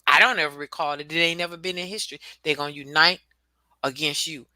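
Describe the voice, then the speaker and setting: A woman's voice: sits low, fairly even intonation, fast, sharp tone, dry recording. A woman speaking emphatically and bluntly in a casual discussion, repeating points and swearing for force.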